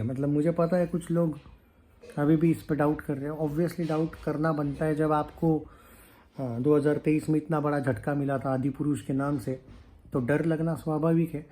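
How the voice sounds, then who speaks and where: A man, a film news YouTuber chatting casually to his viewers, pausing with fillers and slipping into English phrases. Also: fairly high pitch, mellow, slight background noise. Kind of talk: casual chat to camera.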